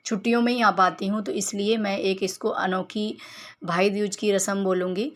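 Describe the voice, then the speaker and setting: A woman in her thirties from Uttar Pradesh, India, narrates her family vlog as a casual voice-over, chatty and homely as she walks viewers through each clip. Her medium-pitched voice moves little in pitch and keeps a normal speed.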